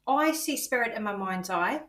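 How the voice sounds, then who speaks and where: A woman's voice: fairly high pitch, expressive, a bit bright. A British woman co-hosting a podcast, chatting casually about spiritual experiences, with frequent ums and easy laughter. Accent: British English. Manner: laughs easily, halting with many ums. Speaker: podcast co-host. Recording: echoey, boxy room sound.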